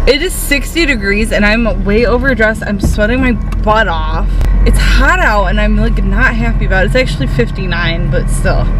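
A woman in her twenties telling everyday stories casually and expressively to a camera inside a car, with lots of filler words. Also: medium pitch. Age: 20s. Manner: chatty, expressive storytelling with 'like' as filler. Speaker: vlogger. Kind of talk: casual vlog chat. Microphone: dash-mounted camera. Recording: noisy car interior.

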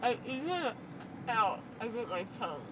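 A woman's voice: a little high, big pitch swings, normal speed. Slurred, numb-mouthed young woman, loopy rambling. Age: young adult. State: numb-mouthed and slurred after dental surgery, gauze in mouth. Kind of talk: casual chat. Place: inside a car. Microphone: handheld phone in the car, a little away. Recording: distant car recording with road noise.

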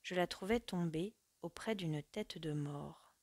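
A woman narrating a classic short story in a measured, grave reading voice, dropping to soft, hushed passages. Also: lowish voice, no echo. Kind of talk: literary audiobook narration.

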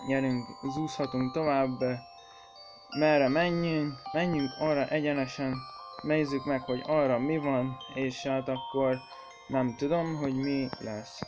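A man's voice: mid-range voice, muffled recording. A man hosting a horror game let's play, swearing, jumpy and shrieking whenever something startles him, and chatting to viewers he calls kids. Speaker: gaming channel host.

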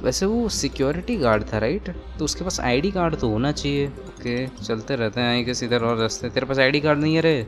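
A young man commentating his gameplay in a joking, excitable way, often laughing. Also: mid-range voice, brisk, hardly any pauses. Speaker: gamer. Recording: game music in background.

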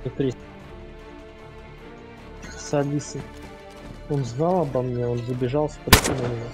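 A man's voice: medium pitch, fairly even intonation, a little slow. A man chatting casually with his teammates during a shooter game. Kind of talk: casual voice chat during gameplay. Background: loud music and game gunfire.

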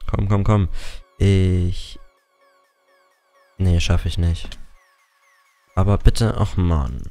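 A young man with a low, mellow voice rambles through casual game commentary from his room at home. He talks loosely and drops the odd curse word. Faint game music plays underneath. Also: vocal fry. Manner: chatty, rambling, swears casually. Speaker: gaming YouTuber. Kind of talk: casual Let's Play commentary. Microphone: desktop mic with facecam.

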